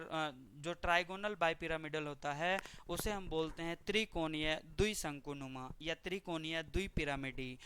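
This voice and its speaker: A man's voice: on the high side, sharp tone, clear, resonant tone, no room sound. A man teaching a chemistry exam-prep lesson, putting questions to his students and answering them himself.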